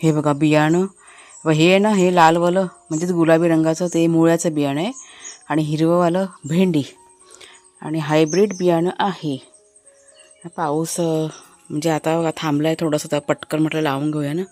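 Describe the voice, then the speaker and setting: A woman from Maharashtra in casual vlog narration, chatty and explanatory as she speaks to viewers from an outdoor garden, now and then calling loudly to her dogs. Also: low-pitched, flat delivery, moderate pace, soft background music. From Maharashtra, India. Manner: calls out loudly to her dogs between remarks. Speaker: family vlogger.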